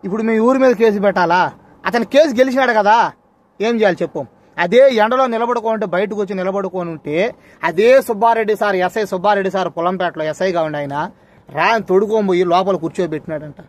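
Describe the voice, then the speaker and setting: A man's voice: high voice, fairly quick. A man, speaking for a wronged man and confronting an official with pointed, repeated questions. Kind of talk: impassioned address to a camera.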